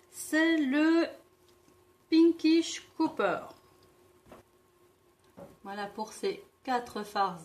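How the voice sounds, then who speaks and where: A woman reviewing beauty products in a casual vlog, talking with many fillers and pauses. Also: on the high side. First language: not English. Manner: slow, hesitant, many fillers. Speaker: beauty vlogger.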